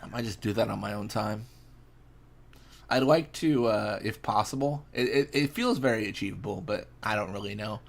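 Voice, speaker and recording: A man's voice: on the low side, moderate pace, creaky. A young man casually chatting and reacting while streaming a fishing game, laid-back and rambling as he answers chat.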